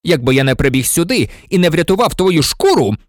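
A man's voice: fairly high pitch, very animated, a little fast, dry recording, clean studio sound, voice pushed up. A man reading aloud, voicing a cold, vengeful male professor who speaks in a silky, sneering tone. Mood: furious.

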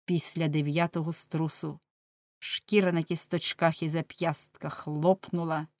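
Slow grave woman narrating. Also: low-pitched, flat delivery, darkish tone, no room sound. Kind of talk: audiobook reading of a novel.

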